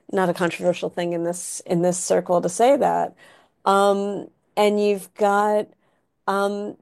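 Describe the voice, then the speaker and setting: A woman's voice: mid-range voice, creaky, darkish tone. A woman researcher on a panel, agreeable and a bit hesitant, restarting phrases. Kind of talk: panel discussion.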